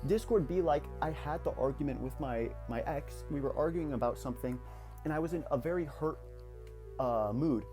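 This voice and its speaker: Candid teenage guy, slightly high voice. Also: moderate pace, mellow, soft background music. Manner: candid, confessional, rambling with restarts. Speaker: YouTuber. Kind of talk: reflective personal vlog.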